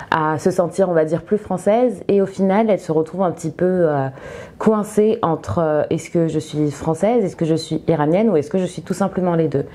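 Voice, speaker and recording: A young Egyptian woman goes through a book review, first reading a synopsis aloud, then talking with many pauses, fillers and restarts. Her voice is low and mellow.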